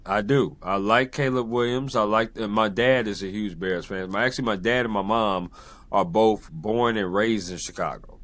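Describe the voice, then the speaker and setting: Deep-voiced relaxed male podcast host. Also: normal speed, no room sound. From San Diego, United States. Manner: relaxed, many fillers and repeated affirmations. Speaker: podcast host and sports journalist. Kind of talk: casual interview chat.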